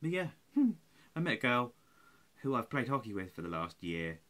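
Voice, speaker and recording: In a small room at home, a vlogger in his forties talks close to his webcam, worn out and rambling as he swears and pokes fun at himself. His mid-range voice swings widely in pitch, with a normal speed and a fairly bright tone.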